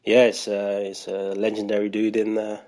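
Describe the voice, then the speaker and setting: A man's voice: on the low side, monotone, normal speed, a little mellow. A man from Aruba with an Aruban accent, chatting casually in an interview and often searching for words. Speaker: podcast guest.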